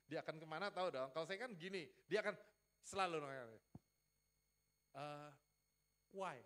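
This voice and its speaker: A male pastor preaching in a relaxed, playful storytelling manner, joking with the congregation and acting out conversations with his wife. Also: on the high side. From Riau, Sumatra, Indonesia. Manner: lively storytelling with playful asides, acts out dialogue. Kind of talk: sermon. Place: church.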